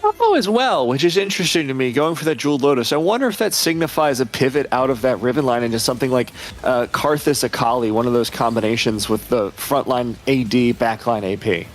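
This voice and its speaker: A man's voice: mid-range voice, a little fast, few pauses, soft background music. A man co-casting a live esports match, playful and chatty. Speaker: esports co-caster.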